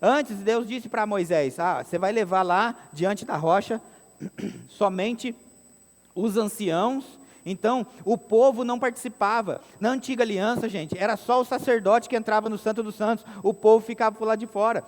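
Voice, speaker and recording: High-voiced Brazilian pastor preaching in a hall. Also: male voice, normal speed. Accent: Brazilian Portuguese. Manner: preaching with call-and-response questions to the congregation. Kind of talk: sermon. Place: church hall. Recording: long church hall reverb.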